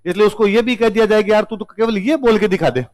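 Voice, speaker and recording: A man's voice: high voice, quick pace, a little mellow, poor audio. A man with a Rajasthani accent whose first language is Rajasthani, teaching a humorous classroom lecture and playfully repeating words to contrast how they are said. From Rajasthan, India.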